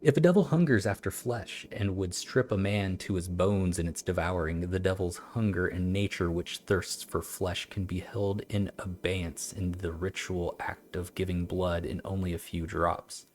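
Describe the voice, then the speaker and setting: A man streaming a game, chatting and reading old-style text aloud in a halting, stumbling way, laughing at himself. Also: deep voice, darkish tone. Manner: self-mocking, laughs often. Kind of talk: let's-play commentary with reading aloud.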